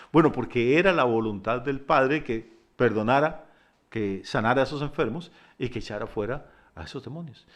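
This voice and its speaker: A middle-aged man preaching a sermon as pastor, emphatic, moving between loud declarations and quiet asides, stacking up lists of words. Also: a little high. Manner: repeats words, piles up lists.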